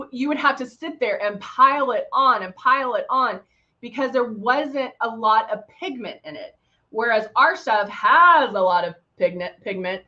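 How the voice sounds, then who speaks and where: A middle-aged Texan woman with a country accent hosts a live makeup tutorial for a makeup brand, greeting viewers and chatting upbeat as she applies makeup, adding playful sound effects. Her voice is on the high side and fairly bright. The livestream audio is dull and lo-fi.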